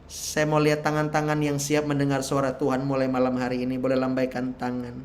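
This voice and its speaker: A man preaching a sermon at a church service, slow and humorous, leading into prayer. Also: mid-range voice, monotone, a little hiss or hum. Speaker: pastor. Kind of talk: sermon with prayer and worship singing.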